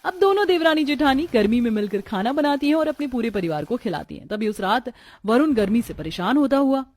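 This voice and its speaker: A woman narrating a family story in a steady, matter-of-fact way. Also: fairly high pitch, a little fast, dry recording.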